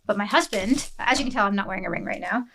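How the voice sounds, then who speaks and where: An excitable woman talks fast and bubbly, in a casual home unboxing chat. She keeps an easy mid-pitched tone and restarts her sentences often. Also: a little hiss or hum. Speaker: co-host, new hobby player. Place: home tabletop setup.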